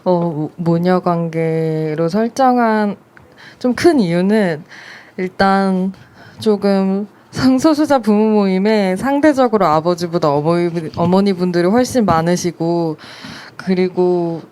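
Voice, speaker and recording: A female film director answers interview questions in a somewhat low voice. She speaks slowly and thoughtfully, hesitating and using fillers as she finds her words. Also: warm tone.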